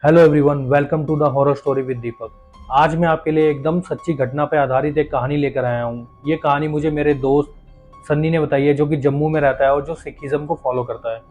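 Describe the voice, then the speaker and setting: A man's voice: fairly high pitch, fairly even intonation, moderate pace, phone-quality sound. A man narrating a horror story in a casual, conversational, suspense-building way. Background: faint background music.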